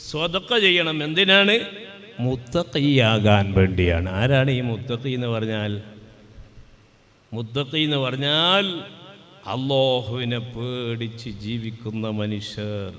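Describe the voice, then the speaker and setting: A male preacher giving a sermon, moving between soft talk and high, loud, chanted exhortation. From Kerala, India. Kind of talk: Islamic sermon with chanted verses. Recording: long hall reverb.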